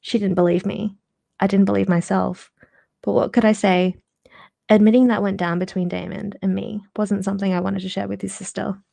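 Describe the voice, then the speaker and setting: Woman reader, livestream book reading, gravelly fry, giggly chatty asides. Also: medium pitch, flat delivery, fairly quick, warm tone. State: slightly out of breath.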